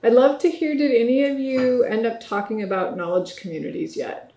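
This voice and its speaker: A woman's voice: fairly high pitch, expressive, fairly quick, mellow. Brief: middle-aged woman, workshop facilitator, sums up each point, recorded in a reverberant room. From United States. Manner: summarizing and inviting comments. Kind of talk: moderating a group discussion. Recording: echoey room.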